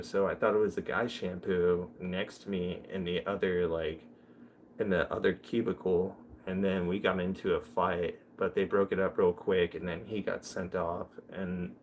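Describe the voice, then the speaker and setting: Low-pitched and casual, a young man rambles through jokey stories during a live chat stream, with a slight hiss or hum in the background.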